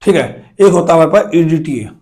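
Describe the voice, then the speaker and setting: A man's voice: on the high side, expressive, brisk, darkish tone, rough recording. Man teaching chemistry. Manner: asks students questions, counts aloud while drawing. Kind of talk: classroom lecture.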